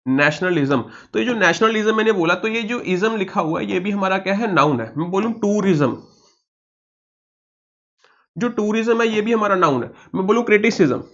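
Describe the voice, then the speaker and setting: A man with an Indian accent teaches vocabulary for exam prep. His voice sits high, and he keeps asking himself questions and then answering them. The recording sounds dull and lo-fi. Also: animated, fairly bright tone. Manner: spells words slowly letter by letter. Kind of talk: online exam-prep lesson.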